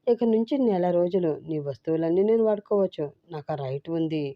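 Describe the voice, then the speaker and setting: A woman voicing a sharp-tongued young bride who teases and insults her husband, in a dull, dry recording. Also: fairly low pitch, lively intonation, fairly quick, no echo, close to an everyday voice. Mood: teasing. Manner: teasing, cheeky.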